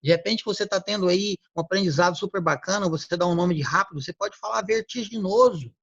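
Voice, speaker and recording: A man giving a motivational talk on word choice, acting out quick everyday exchanges. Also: high-pitched, gravelly, a bit bright, slightly rough, no echo. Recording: dull lo-fi recording.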